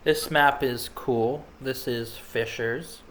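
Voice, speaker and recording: A man's voice: medium pitch, fairly even intonation, slow pace, a bit bright, a little hiss or hum. A man giving casual, rambling commentary over video game replays, chatting while he snacks. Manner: rambling, laid-back, snacking while talking.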